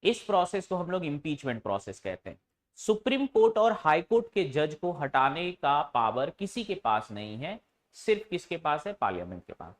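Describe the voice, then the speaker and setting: A man teaches a class, his voice rising and falling a lot as he fires questions at the students and answers them himself. He stays informal with the class and teases them at times. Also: on the high side. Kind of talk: classroom lecture.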